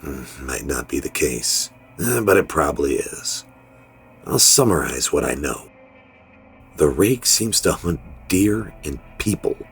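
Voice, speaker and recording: This horror narration features a man in a low, gravelly, exaggerated voice playing a weary, scared middle-aged father, who confesses in the first person in a grave and measured way.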